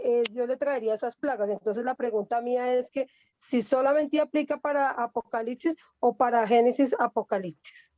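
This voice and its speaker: A woman's voice: fairly high pitch, mellow, no room sound. A woman, a student in a Bible class, politely asking the pastor a question with hesitations.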